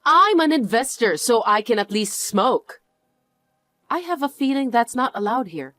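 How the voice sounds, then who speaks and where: A woman's voice: a little high, very animated, measured pace, sharp tone, no room sound, full character voice. A woman voicing a snobbish rich woman who mocks the poor in a condescending tone. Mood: mocking. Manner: condescending, mocking. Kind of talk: voiced story drama.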